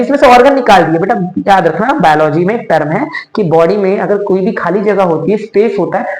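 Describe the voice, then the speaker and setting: A man's voice: high voice, a little mellow, roomy sound, low-quality recording. A young man teaching biology in a chatty, repetitive way, calling his students "beta" and answering his own questions, with terms. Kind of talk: online exam-prep lecture.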